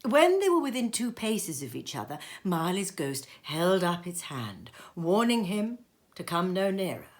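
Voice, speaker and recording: A woman narrates a classic story in a slightly low voice. The pace is very slow and deliberate. Phrasing is expressive and dramatic, with emphatic stresses. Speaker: storybook reader.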